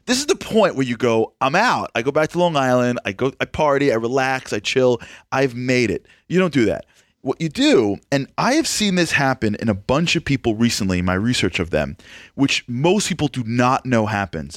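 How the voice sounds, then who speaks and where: A man hosting an interview, talking emphatically with quick restarts. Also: medium pitch, sing-song, dry recording, studio quality. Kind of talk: interview conversation.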